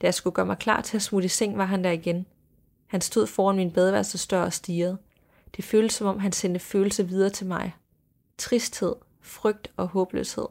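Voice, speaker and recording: On a storytelling podcast, a female host reads unsettling accounts in a slow, hushed, measured way. Her pitch is typical for a woman, though a constant gravelly fry runs through it, and now and then she sinks into a gentle whisper.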